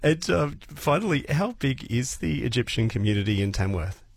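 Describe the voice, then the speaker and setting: A man runs a morning radio interview in a dry, close studio sound. His voice sits at a mid-range pitch. He keeps the guest going with encouraging reactions. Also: animated, moderate pace, vocal fry, breathy edge, no room sound. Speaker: radio host.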